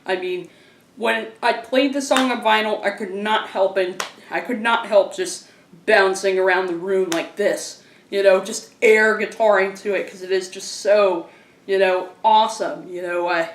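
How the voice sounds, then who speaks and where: A man's voice: high voice, steady tone, a little slow, a bit bright. Rambling man in a roomy echo. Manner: rambling, heavy with fillers and restarts; enthusiastic. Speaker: album reviewer. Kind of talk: casual spoken album review. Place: a room at home. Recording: roomy echo, mic at a distance.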